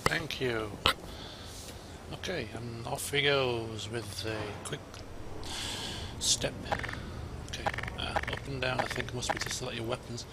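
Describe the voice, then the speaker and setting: A man giving casual let's play commentary with a slightly croaky voice, muttering asides and exclamations as he plays. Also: mid-range voice, steady tone, measured pace, heavy background noise. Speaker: gaming video host. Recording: loud game music and sound behind. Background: video game music and sound effects.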